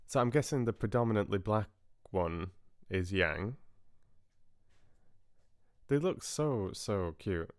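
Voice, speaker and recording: This livestream host talks casually with his live viewers, friendly but hesitant, letting asides trail off. He speaks slowly and expressively in a fairly low voice, pausing often, recorded in a clean studio with no echo.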